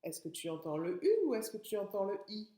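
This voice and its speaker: A woman teaching a phonics lesson to young children, sounding out each word slowly and stretching the syllables. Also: medium pitch, dark tone. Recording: echoey room.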